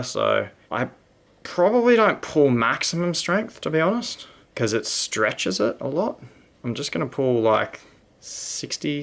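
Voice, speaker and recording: A man casually talking through how he ties a fishing knot, relaxed and matter-of-fact as he works with his hands. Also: fairly low pitch, vocal fry. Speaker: fishing channel host. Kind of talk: casual knot-tying tutorial.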